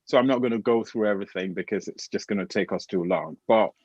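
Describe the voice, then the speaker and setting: A man's voice: on the low side, fast, a little mellow, dull audio, a little hiss or hum. A man who works as a transformation coach introducing himself confidently on a panel.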